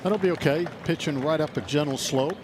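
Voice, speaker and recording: A man's voice: fairly high pitch, brisk. A man working as a golf commentator and analyst, explaining strategy and shots in short, advisory remarks. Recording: clear outdoor ambient noise behind voice.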